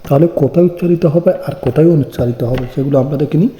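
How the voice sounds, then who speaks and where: A man's voice: on the high side, racing, warm tone. A man teaching an online exam-prep lesson, explaining step by step and answering his own questions. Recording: echoey room with long reverb.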